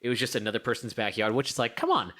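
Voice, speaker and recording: A man's voice: medium pitch, very fast. A young man co-hosting a podcast, telling a story in casual chat, swearing and acting out the other people in it. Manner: animated, swearing, acts out voices in stories. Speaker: podcast co-host.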